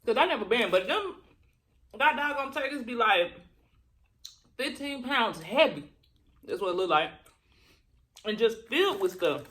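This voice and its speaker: A woman chatting casually and colloquially to viewers during a mukbang, chewing as she talks and pausing between bites. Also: fairly high pitch, lively intonation, fairly bright tone. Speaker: mukbang vlogger. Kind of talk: casual chat to viewers while eating.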